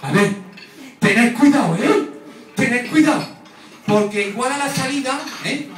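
A man's voice: extremely high pitch, unhurried, pitched above the performer's own voice. A man voicing a fussy mother who nags her young children to be careful. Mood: warning. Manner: repeated cautioning, nagging. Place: comedy stage with a live audience. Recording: roomy, distant mic, audience laughter.

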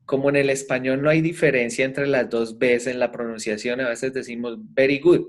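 A man's voice: mid-range voice, fairly even intonation, normal speed. Male co-host explaining test tips. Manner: explanatory, gives practical advice. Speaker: co-host reading citizenship test questions. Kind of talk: bilingual lesson.

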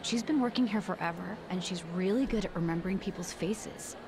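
A woman's voice: fairly low pitch, a little fast, vocal fry, background noise. An actress playing a helpful, polite young female café worker in a video game dub. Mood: helpful, sympathetic. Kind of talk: English game dub acting.

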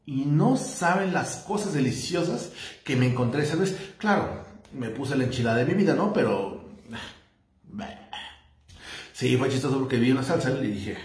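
Brief: Mexican Spanish vlogger, mid-pitched man, rambling chatty delivery, roomy echo. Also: animated, normal speed. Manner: chatty, rambling, tags lines with "¿no?". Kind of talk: casual travel-tips chat.

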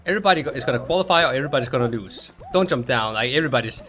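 A man's voice: mid-range voice, lively intonation, rapid-fire, a bit bright, faint music behind. A man hosting a gaming session, chatting casually, laughing often and trash-talking other players. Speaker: gaming channel host.

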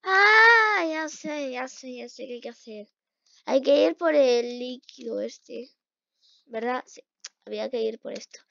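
High-pitched girl playing a game, yelps and mutters, gravelly voice, dull dry lo-fi sound. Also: a little slow, no room sound. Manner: excitable, shrieks at failures, mutters while playing. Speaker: gaming youtuber. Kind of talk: casual let's-play commentary.

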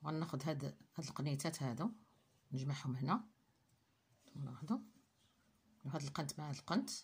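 A woman with a Moroccan Arabic accent and a low voice demonstrates a recipe. She moves at a brisk pace and talks viewers through each step in short phrases while she works. Faint noise sits under her voice. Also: animated, a little mellow. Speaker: cooking channel host.

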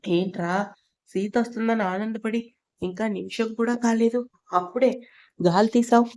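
A woman's voice: fairly high pitch, steady tone, normal speed, a little mellow, natural voice. Give me a stern commanding mother-in-law, as a woman narrator plays her, raised voice. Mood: indignant.

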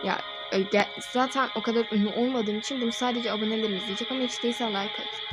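Young female gaming creator, slightly high voice, chatty and jokey with viewers, loud game music behind. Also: steady tone, fast talker. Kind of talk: let's-play commentary.

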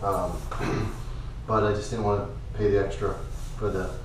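A man in his thirties casually explaining his woodworking build in a home garage workshop, halting with many ums and uhs. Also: lowish voice, little pitch movement, background noise. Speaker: woodworking vlogger. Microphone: far camera. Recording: echoey garage, voice from far off, music behind.

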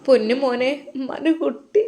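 A woman's voice: high voice, normal speed, warm tone. A woman voicing a doting older mother who coos affectionately.

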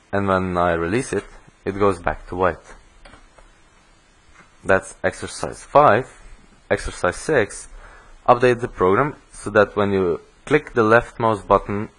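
Young male instructor, lowish voice, walks through code in a steady voice-over. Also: rough recording. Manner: steady explanatory, self-correcting restarts. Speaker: programming instructor. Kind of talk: screencast coding tutorial.

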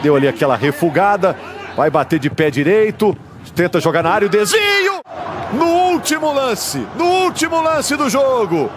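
A man giving live football match commentary in an excited, emphatic manner. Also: high voice, moderate pace. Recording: broadcast over very loud stadium crowd noise. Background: loud stadium crowd.

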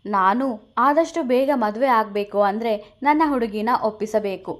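A woman's voice: a little high, moderate pace, close to an everyday voice. A woman voicing a young man who brushes off his friend's worries with offhand advice. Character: young man, teasing, bossy best friend.

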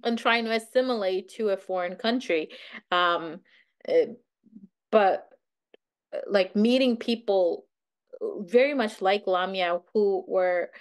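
A woman's voice: medium pitch, slow pace, pauses often, smooth. A woman from Bangladesh sharing her thoughts in a casual book club discussion over a video call. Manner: thoughtful, conversational with filler words.

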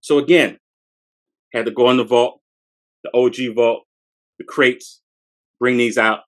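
He's a sneaker podcast co-host in his forties with a medium-pitched voice, fairly even intonation and a measured pace. Filmed close by a fixed camera in a small room, he casually shows off a shoe from his collection with hyped slang and frequent repetition.

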